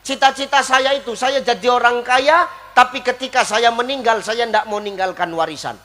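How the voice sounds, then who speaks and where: A man with a very high, pushed and bright voice speaks at a normal speed. He preaches a comic sermon, joking and acting out little scenes as he switches between Javanese and Indonesian.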